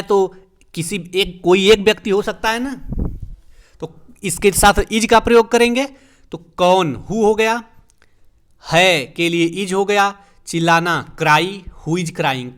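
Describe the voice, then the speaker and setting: In a classroom lesson, a male teacher explains English grammar step by step and answers his own questions. His voice is high-pitched and somewhat bright.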